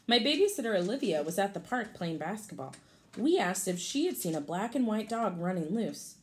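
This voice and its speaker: A woman in her thirties reads a picture book to young children in a teacherly, expressive way, adding casual explanations along the way. Her mid-range voice is sing-song and moderately paced, recorded at home in a small room with clear background noise.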